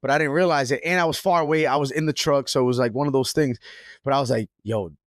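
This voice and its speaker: A man's voice: mid-range voice, fast talker, no room sound, clean studio sound. A young man co-hosting a podcast, telling a story in casual chat full of slang and restarts. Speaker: podcast co-host. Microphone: podcast mic.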